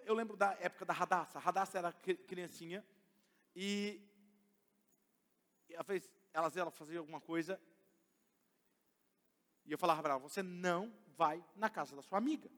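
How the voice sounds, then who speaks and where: This middle-aged pastor, who has a Brazilian Portuguese accent, preaches directly and emphatically to his congregation. His voice is high with a fairly bright tone, echoing with long reverb through the church hall.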